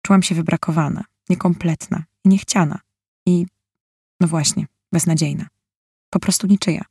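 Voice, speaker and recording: Młoda kobieta czyta powieść w pierwszej osobie, emocjonalnie i z goryczą. Jej głos jest chropawy, z wyraźnym trzeszczeniem, a nagranie suche, bez pogłosu, tuż przy mikrofonie. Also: female voice, lowish voice, fairly even intonation, normal speed, mellow, husky, no echo, studio quality. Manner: emotional, bitter. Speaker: audiobook narrator. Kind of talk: first-person novel narration.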